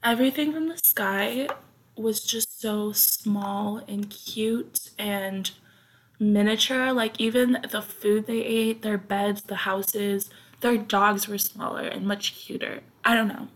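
A young woman hosting a podcast, rambling casually with many fillers, her throat dry as she talks quietly. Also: medium pitch, steady tone, slow pace. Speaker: podcast host.

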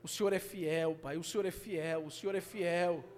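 A man with a Brazilian Portuguese accent preaching a sermon and sharing a personal testimony, his delivery swinging between hushed and fervent. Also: high-pitched, steady tone, moderate pace. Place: family church service.

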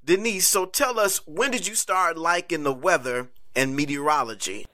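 A man's voice: a little high, normal speed, pushed and bright. A man hosting a radio show and interviewing a guest, with an announcer-like, formal way of introducing her.

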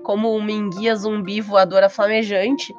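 A woman's voice: medium pitch, flat delivery, moderate pace, a little mellow. A woman co-hosting a casual chat about tabletop games, telling things in an informal storytelling way. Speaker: podcast co-host. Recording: slightly muffled, music behind.

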